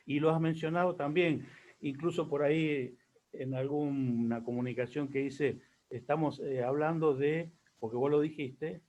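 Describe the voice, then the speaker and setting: A man with an Argentine accent hosting an online panel, speaking haltingly and searching for his words over a video call. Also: a little high, fairly even intonation, a little mellow, lo-fi sound. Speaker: host.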